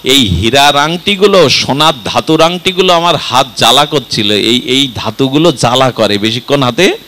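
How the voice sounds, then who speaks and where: A man's voice: mid-range voice, expressive, normal speed, bright, forceful tone. A man voicing a mischievous three-year-old boy god pleading with his mother in a sermon story. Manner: pleading, making excuses.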